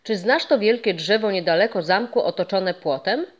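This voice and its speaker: A woman's voice: medium pitch, normal speed, close to an everyday voice. A woman voicing a friendly male castle ghost who tells stories in a storybook, with a mysterious, proud manner.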